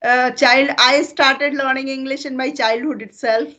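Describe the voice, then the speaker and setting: An older woman with a high-pitched, sharp voice speaks at a measured pace in a steady tone, with an Indian accent from her first language, Hindi. A retired teacher who hosts a channel, she chats patiently and teacherly with fillers in a casual interview conversation.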